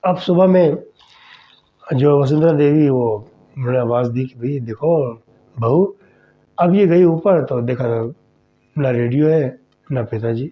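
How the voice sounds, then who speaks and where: A man hosting a horror podcast, retelling a story in a conversational, animated way. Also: mid-range voice, unhurried, dull audio.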